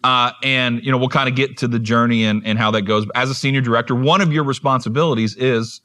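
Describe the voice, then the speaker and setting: A man's voice: mid-range voice, steady tone, fast talker, bright, forceful tone, no room sound. A man hosting a podcast interview, chatty and encouraging toward his guest. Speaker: podcast host. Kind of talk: conversational interview.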